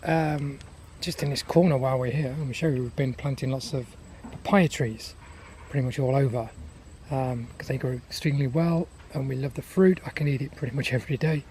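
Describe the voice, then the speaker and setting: A man giving a casual, unscripted garden tour outdoors, listing things in an unhurried, appreciative way. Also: medium pitch, steady tone, a little mellow, rough recording. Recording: outdoor ambient noise.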